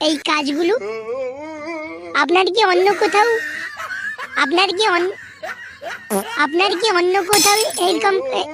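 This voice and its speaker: Woman voicing flustered interviewer, cartoon, polite, stammering, very high. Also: unhurried, pauses often, noisy background. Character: flustered interviewer at a shady business. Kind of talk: cartoon comedy acting.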